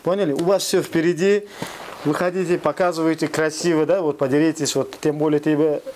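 A man, chatting in a small indoor studio. He speaks very fast in a slightly high voice. His phrasing comes out broken and repetitive. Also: fairly even intonation, a little mellow, slight background noise. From Kyrgyzstan. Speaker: co-host judging fighters. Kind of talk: casual interview chat.

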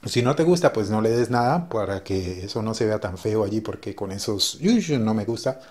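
A man's voice: on the low side, a little fast, darkish tone. A man teaching in a casual video lesson, patient and repetitive, with frequent fillers. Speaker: language teacher.

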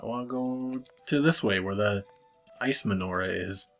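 A young man giving casual, joking commentary over a video game and yelling catchphrases as he plays. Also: lowish voice, moderate pace, gravelly, soft background music. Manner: joking, yells catchphrases while playing. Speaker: let's-play host.

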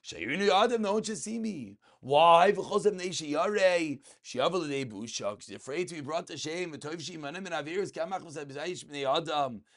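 High-pitched man teaching religious text. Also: expressive, moderate pace, hardly any pauses, fairly bright tone. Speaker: rabbi teaching a daily class. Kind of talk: religious text lesson, reading and translating. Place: small furnished room indoors.

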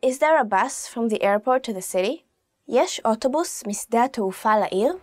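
A woman with a slightly high voice teaching a language lesson to camera. She reads each phrase, then adds loose, chatty asides, recorded close and dry. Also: expressive, rapid-fire, a little mellow, no echo. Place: indoor studio, plain backdrop.

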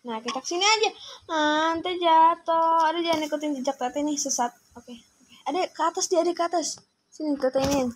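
A woman's voice: high-pitched, fast, poor audio. A young woman, chatting casually through a game and bossing her younger sibling around. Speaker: gaming streamer. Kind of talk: casual gameplay commentary.

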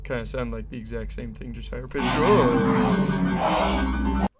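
A man's voice: mid-range voice, flat delivery, quick pace, loud music behind the voice. Man muttering through a horror game. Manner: chatty, jokey, muttering to himself. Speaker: gamer playing a horror game. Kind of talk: casual let's-play commentary.

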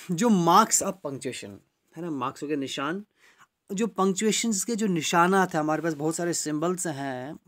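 A man teaching a grammar lesson for exam students, mixing English phrases into his talk and often checking with "right?". He slows right down to read out example sentences. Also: fairly high pitch.

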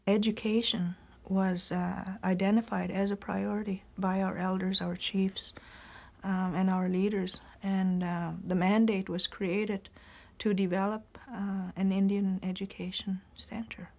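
A middle-aged woman giving reflective interview answers, speaking thoughtfully with pauses and restarts, recorded in a library room. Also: medium pitch, flat delivery, creaky, a little mellow. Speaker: writer and teacher interviewed.

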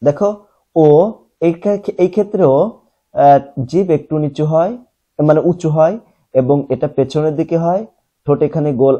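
A young man teaching a class, who explains step by step, asks questions and answers them himself, and repeats sounds slowly to show how they are said. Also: fairly high pitch, mellow, dull audio. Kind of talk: classroom lesson.

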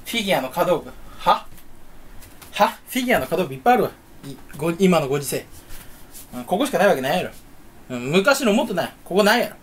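A young man rambling on his own in a room at home. He is goofy and jumps around in pitch, and he teases himself as he goes. A faint hiss runs under his voice. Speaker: YouTuber. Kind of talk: solo casual chat to camera.

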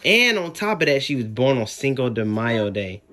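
A man's voice: medium pitch, sing-song, normal speed, bright, forceful tone. A young man chatting casually to camera in a family vlog, slangy, laid-back and teasing. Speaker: family vlogger.

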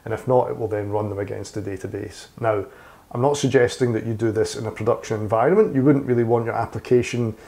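Low, mellow man explaining code while typing. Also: steady tone, quick pace, creaky. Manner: talks while typing, thinking aloud with fillers and self-corrections. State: slightly hoarse, losing his voice. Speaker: programming tutor. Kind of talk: screen-recorded coding tutorial. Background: keyboard typing and clicks.

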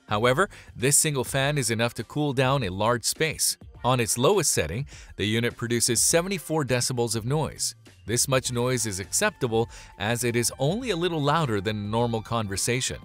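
Over faint background music, a man with a mid-range, slightly bright voice reads a scripted product review as voice-over. He sounds upbeat and hits the transitions emphatically.

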